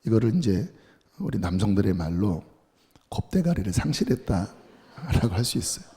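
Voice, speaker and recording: Gravelly, animated male pastor. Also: on the low side, normal speed, big-room sound. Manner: lively storytelling with colloquial asides. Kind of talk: sermon.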